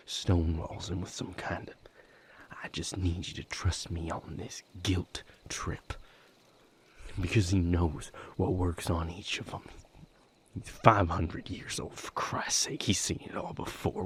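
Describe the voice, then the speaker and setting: A man plays a bitter, wounded young man breaking away from a manipulative vampire patriarch in an intimate audio roleplay. His heavily acted delivery sits low, a breathy, gravelly murmur of halting, confessional, broken phrases separated by long pauses.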